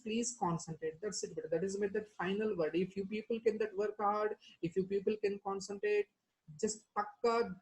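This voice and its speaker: A woman's voice: lowish voice, darkish tone, low-quality recording. Indian woman teacher with a South Indian accent. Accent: South Indian, Telangana. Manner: repetitive, with rhetorical questions and verbal tags. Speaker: chemistry teacher. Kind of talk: online exam-prep lecture.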